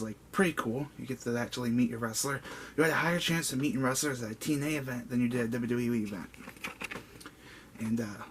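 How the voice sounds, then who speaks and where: A man's voice: medium pitch, a bit bright. A man in his twenties casually rambling through a personal story in a vlog, full of "like" and "um". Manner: rambling, with many "like" and "um" fillers. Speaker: vlogger. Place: indoor room with a buzzing bug. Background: faint background noise and a buzzing bug.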